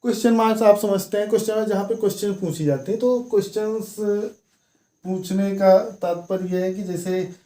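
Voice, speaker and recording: Guy teaching punctuation, repeats stuff a lot, warm low-key tone, roomy echo. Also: steady tone, brisk. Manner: explanatory, repeats key words. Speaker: English grammar teacher. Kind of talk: classroom lesson explanation. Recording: echoey room.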